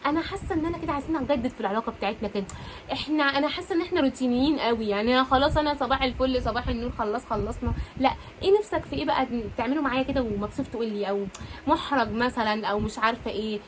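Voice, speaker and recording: A woman's voice: sits high, very fast, slight background noise, poor audio. A woman with an Egyptian accent giving casual, playful relationship advice, acting out little dialogues as she talks. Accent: Egyptian Arabic. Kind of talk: casual advice talk to women.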